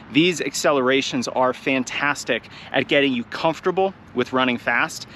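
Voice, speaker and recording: A running coach, a little out of breath, talking nonstop to a handheld camera on a grass field outside. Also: male voice, mid-range voice, a little hiss or hum. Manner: talks nonstop, energetic and encouraging. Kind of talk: outdoor instructional talk to camera. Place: grass field outdoors, near traffic. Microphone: handheld camera carried while running.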